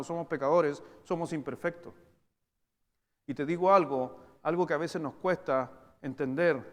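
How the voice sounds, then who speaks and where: A pastor with a high-pitched voice and a Chilean Spanish accent delivers a sermon in a church hall, his words ringing with a long reverb. He alternates between loud, emphatic bursts and slow, hushed stresses.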